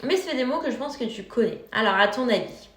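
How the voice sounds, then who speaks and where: A woman teaching English car vocabulary, speaking slowly and clearly and repeating each word for her learners. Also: on the high side, expressive, fairly bright tone, echoey room. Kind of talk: vocabulary lesson.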